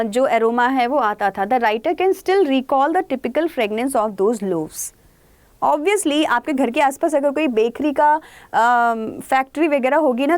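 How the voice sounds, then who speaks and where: Lively high-voiced Indian woman teacher. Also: dry recording. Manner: explains in Hindi mixed with English, reads text lines slowly; lively, asks and answers her own questions. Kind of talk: online exam-prep lesson.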